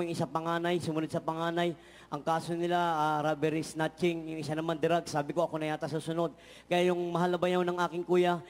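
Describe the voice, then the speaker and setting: A man giving a fervent church testimony, often repeating "mga mahal" and "hallelujah". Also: sits high. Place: large church hall. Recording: hall reverb from church sound system.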